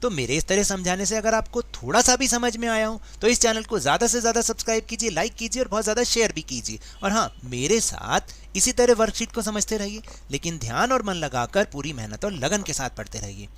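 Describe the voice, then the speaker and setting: A man's voice: sits high, animated, a little fast, hardly any pauses, fairly bright tone. A man teaching a grammar worksheet, explaining patiently step by step and asking his students questions. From India. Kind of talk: worksheet lesson.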